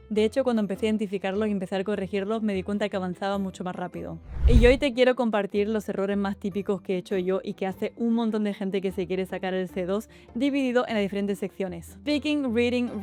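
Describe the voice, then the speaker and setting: A young woman from Spain with a Spanish accent gives chatty, upbeat exam and study-abroad advice in a casual YouTube vlog, tossing quick asides to the viewer. Her voice is medium-pitched with a darkish tone, and faint music plays behind her.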